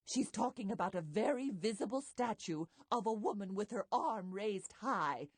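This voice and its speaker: A husky-voiced guide in a children's learning game. The delivery is measured and instructive, a scripted explanation recorded close and dry. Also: female voice, mid-range voice, expressive, no room sound. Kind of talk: scripted educational game narration.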